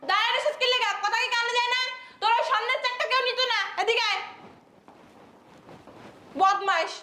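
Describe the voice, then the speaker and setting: A woman doing a shrill, nagging old mother-in-law. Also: fairly even intonation, bright, forceful tone, a little hiss or hum. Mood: scolding. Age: older. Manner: scolding, rapid-fire rhetorical questions, tagging "haan?".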